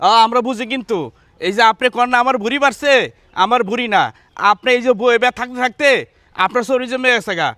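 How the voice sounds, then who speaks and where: A man's voice: on the high side, a little fast, a bit bright, no room sound, lightly acted. A man playing an aggrieved poor laborer. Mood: defiant. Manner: pleading, then defiant and threatening. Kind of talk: short-film drama acting.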